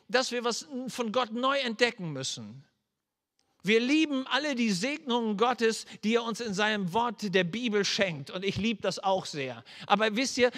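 High, bright-voiced preacher in a hall. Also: male voice. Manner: earnest, addresses listeners directly with questions; drops to a soft, low voice when leading into prayer. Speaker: pastor. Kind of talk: sermon. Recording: long hall reverb.

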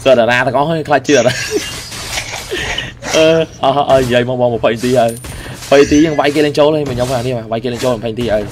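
Rapid-fire man calling out game moves. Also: medium pitch, noisy background. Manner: excited, repetitive callouts. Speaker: gamer. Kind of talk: live game commentary with a teammate.

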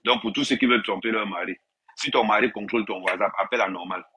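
A man's voice: fairly low pitch, quick pace, bright, forceful tone, slightly rough, low-quality recording. A man ranting to viewers on a live stream, repeating himself and addressing them directly, filmed on a tablet indoors. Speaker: social media personality on a live stream.

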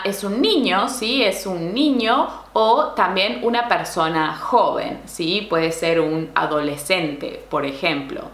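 Lady teaching spanish slang, slow and patient, keeps asking "right?", roomy echo. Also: mid-range voice, fairly bright tone. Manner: explains slowly, keeps asking "¿no?" and "¿sí?". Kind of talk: language lesson explaining slang.

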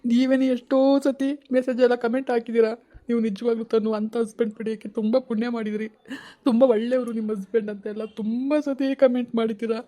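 A man with a Kannada accent speaks to his vlog viewers through tears, circling back over the same phrases. His voice is dark and mellow, and his pitch stays level and flat. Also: fairly quick. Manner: tearful, pleading, repeats phrases. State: crying. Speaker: family vlog host. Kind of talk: emotional personal vlog talk to viewers.

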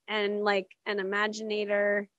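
A woman's voice: medium pitch, monotone, normal speed, a bit bright, dry recording, highs cut off. Teasing, laughing woman podcast host. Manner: laughs often, teasing, blunt. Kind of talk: casual chat.

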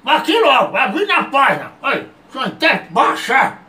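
A man playing a feisty old man who calls himself king, yelling insults and threats in a comedic sketch. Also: extremely high pitch, huge pitch swings, normal speed, reverberant, distant mic, noisy background, heavily acted. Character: feisty old man, self-styled king, scolding a virus.

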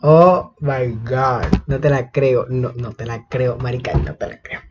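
A man reacting to a show at home late at night, excitable and swearing often, with sudden shrieks. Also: mid-range voice, moderate pace, background noise. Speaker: reaction video host. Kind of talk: casual reaction commentary. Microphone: built-in computer microphone. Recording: dull lo-fi laptop mic with show music playing.

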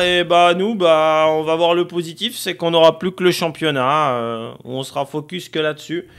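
A young gaming streamer casually talks through a football career game, thinking out loud with lots of fillers and speaking straight to his viewers. His voice is slightly high and gravelly, yet fairly bright, clear and resonant.

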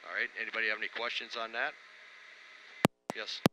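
A man's voice: fairly low pitch, a little fast. A man giving step-by-step instructions as an altitude chamber instructor over an intercom. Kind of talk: instructional briefing and coaching. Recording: clear steady background noise.

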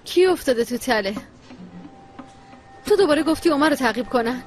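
A frantic, protective young sister. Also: female voice, sits high, expressive, slight background noise. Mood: upset. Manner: emotional, pleading. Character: young woman raising her siblings, anxious and protective. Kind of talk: dubbed TV drama. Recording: dubbed dialogue over loud score music.

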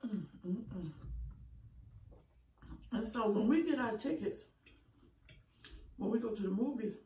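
A woman's voice: mid-range voice, animated, a little slow, mellow, a little hiss or hum. A middle-aged woman telling stories casually while eating, her mouth sometimes full. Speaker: vlogger. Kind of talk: casual chit-chat storytelling during an eating show. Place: indoor room, green-screen backdrop. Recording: roomy echo, distant microphone.

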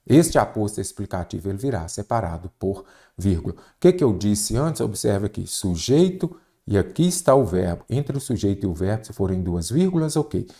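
A man's voice: lowish voice, sing-song, moderate pace, warm tone. A teacher working through exam questions step by step, asking and answering his own questions. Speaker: Portuguese teacher. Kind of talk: exam prep lesson.

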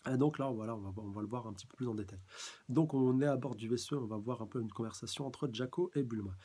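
Guy doing a casual manga review, kinda husky, lots of euh and restarts. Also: mid-range voice, fast talker, warm tone. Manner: hesitant, many fillers and restarts, chuckles often. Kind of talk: casual live chapter review.

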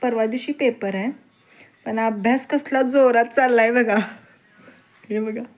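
Chatty higher-pitched woman vlogging at home. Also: steady tone, a little slow, darkish tone. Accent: rural Marathi, Satara region. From Maharashtra, India. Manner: chatty, addresses viewers directly, teasing her daughters. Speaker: family vlogger and mother. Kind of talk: casual home vlog narration. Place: home with rain outside.

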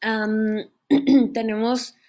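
A woman's voice: a little high, fairly even intonation, extremely slow, warm tone. Woman, patient explanatory teacher, keeps checking in with the class. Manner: explanatory, checks in with listeners often. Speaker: English teacher. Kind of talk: online pronunciation lesson.

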